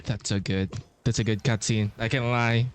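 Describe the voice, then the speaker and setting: A streamer plays a game and reads lines aloud, giving casual, laid-back, sweary commentary that reacts to the action. The voice is smooth and medium-pitched, with fairly even intonation and normal speed, and game music plays behind it.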